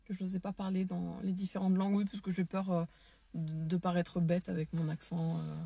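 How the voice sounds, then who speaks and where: A woman's voice: on the low side, level tone, fairly quick, vocal fry, mellow, slightly rough, no room sound. A French-speaking woman hosting a casual live stream, enthusiastic but hesitant, with many fillers and restarts. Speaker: live stream host, dance and neurotraining teacher. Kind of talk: casual Facebook live talk.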